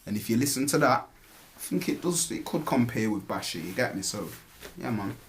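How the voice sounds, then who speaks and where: Speaking a little fast and expressively in a mid-range voice, this Nottingham rapper chats in street slang during a casual interview. He often ends phrases with "innit" or "you get me," and there's faint hiss or hum.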